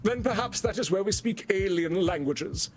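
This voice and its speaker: A vain, easily wounded vampire thespian from a video game, pitched high for a male. He speaks with slow, theatrical villain menace and lofty archaic phrasing, over faint music. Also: lively intonation. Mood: wounded, condescending.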